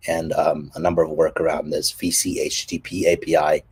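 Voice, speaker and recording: A man presenting his company's standards work and answering questions, speaking haltingly with many fillers and restarts. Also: extremely low pitch, level tone, a little mellow, a little hiss or hum. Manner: halting, many ums and restarts, coughs between phrases. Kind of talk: technical presentation and Q&A.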